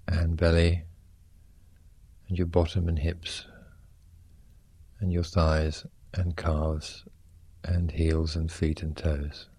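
A man with a low, dark voice guides a relaxation exercise. He gives soothing, gentle instructions in short phrases. The sound is close and very dry. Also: breathy edge, dry recording. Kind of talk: guided progressive muscle relaxation.

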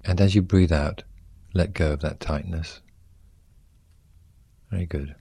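A man leading a guided muscle relaxation exercise, giving gentle, soothing instructions in short, unhurried phrases. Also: low-pitched, steady tone, creaky, breathy edge, no echo.

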